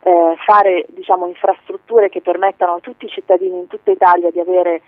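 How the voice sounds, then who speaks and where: A woman heard over a phone line, answering interview questions as a politician guest in a measured way, with frequent hesitations and filler phrases. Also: on the low side, level tone, dry recording. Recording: tinny dry phone line.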